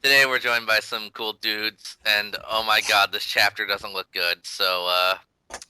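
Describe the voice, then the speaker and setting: A man hosting a casual podcast, giggly and quick to laugh. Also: on the low side, steady tone, sharp tone, smooth, no echo. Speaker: podcast host. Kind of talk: casual chat.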